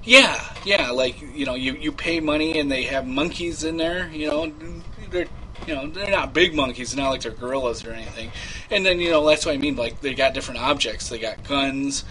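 A man's voice: medium pitch, normal speed, bright, forceful tone, a little hiss or hum, close to an everyday voice, low-quality recording. A man playing a creepy, unhinged rich young man who rambles and stammers through filler words in a prank-call comedy bit. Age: 20s.

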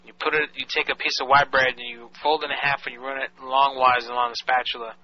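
A brash, rambling caller played by a man who keeps pushing and acting offended, in a mid-pitched voice. The call comes through a dull, lo-fi recording. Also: little pitch movement, fast talker, crowd noise, close to an everyday voice. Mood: pushy. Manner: pushy, rambling, mock-offended. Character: brash late-night male caller claiming to be Samoan. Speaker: prank caller.

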